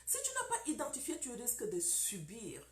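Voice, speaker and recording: A woman's voice: a little high, huge pitch swings, normal speed, roomy sound. A woman preaching about marriage, emphatic and repetitive, firing off rhetorical questions.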